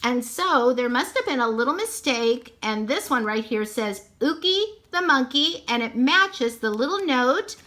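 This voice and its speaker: A woman's voice: high voice, expressive, measured pace, hardly any pauses, sharp tone. A woman narrating a toy unboxing, gushing sweetly and repeating how cute everything is.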